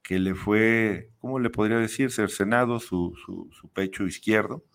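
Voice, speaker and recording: A man's voice: fairly low pitch, moderate pace, creaky. A man hosting a radio talk show, speaking hesitantly and searching for words. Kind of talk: conversational interview.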